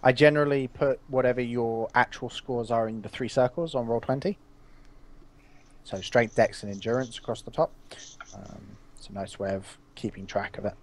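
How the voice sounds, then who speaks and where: A man narrating as game master of a tabletop game, pausing often with uh and um. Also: mid-range voice, a little hiss or hum. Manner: halting, lots of uh and um.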